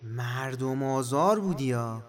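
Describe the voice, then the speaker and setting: A man's voice: mid-range voice, expressive, faint music behind, close to an everyday voice. An actor playing a blunt, skeptical male companion who questions and teases in comic dialogue.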